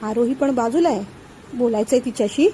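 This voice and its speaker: Vaidehi is a chatty young woman, quick to defend herself, talking to friend and brother in a storybook, as a woman narrator reads her. The voice is high, mellow and close to the narrator's own. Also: a little hiss or hum, close to an everyday voice. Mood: chatty, defensive.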